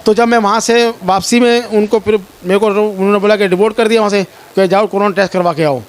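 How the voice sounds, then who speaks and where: A complainant from Pakistan pours out his story to a reporter, talking fast in a high voice with a steady tone. He is distressed and pleading, repeating himself often.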